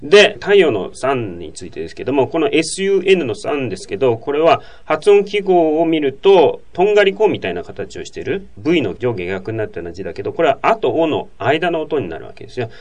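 Man, host, casual explanatory talk, fast pace, lively pitch. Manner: explanatory, lively, reads listener messages. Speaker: radio show host.

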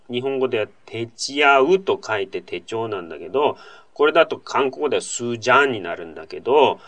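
A male host in relaxed conversation, with a voice that rises and falls freely. He explains at length in a chatty style, dropping in asides and tag questions, and sounds like a regular presenter answering mail. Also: medium pitch. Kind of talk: casual radio-style talk answering a listener letter.

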